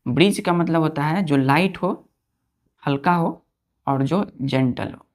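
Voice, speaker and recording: Speaking a little slowly at a fairly high pitch, a man teaches grammar online with patience and repetition. He repeatedly asks students if they've understood and slips English terms into his explanations.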